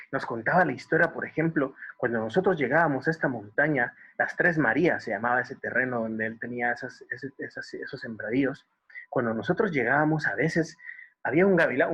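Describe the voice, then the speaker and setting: A Guatemalan storyteller with a bright, husky voice talks softly and playfully to children, asking them questions and repeating words for effect. The sound is dull and lo-fi, like an online stream from a video call. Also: male voice, mid-range voice. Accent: Guatemalan Spanish. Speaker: writer telling stories to children.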